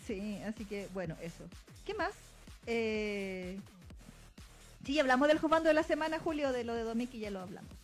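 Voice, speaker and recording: Lively high-pitched Chilean woman. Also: moderate pace, faint music behind. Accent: Chilean Spanish. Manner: giggly storyteller acting out dialogue. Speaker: podcast co-host. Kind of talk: casual chat.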